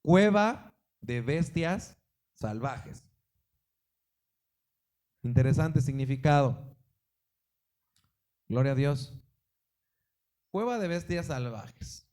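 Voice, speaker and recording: A man's voice: fairly high pitch, darkish tone. A man preaching a Sunday sermon in a church service, emphatic, with swings in volume and frequent exclamations to the congregation. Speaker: pastor.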